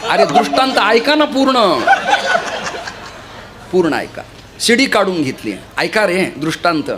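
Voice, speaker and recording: A man's voice: sits high, measured pace, heavy background noise. A man preaching a kirtan sermon, telling stories and repeatedly urging the audience to listen. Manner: lively storytelling, often urging listeners to listen.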